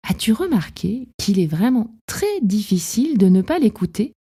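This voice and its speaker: Une femme qui anime un podcast de développement personnel et parle calmement à l'auditeur en le tutoyant. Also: female voice, medium pitch, normal speed, breathy edge. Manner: gentle, addresses the listener directly. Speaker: podcast host. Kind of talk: calm self-help podcast talk.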